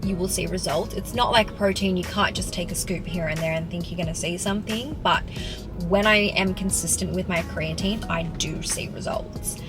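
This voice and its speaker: Aussie girl early 20s rambling casually to camera, lots of "like", lowish voice, music in the background. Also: steady tone, moderate pace. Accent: Australian. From Australia. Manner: chatty, peppered with "like". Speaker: fitness vlogger. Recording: music playing underneath.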